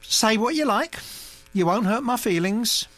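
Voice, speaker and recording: A man's voice: high voice, animated, unhurried, a bit bright, faint music behind, voice pushed up. A man reading an audiobook, voicing a young woman artist who talks in a lazy, placid, offhand drawl.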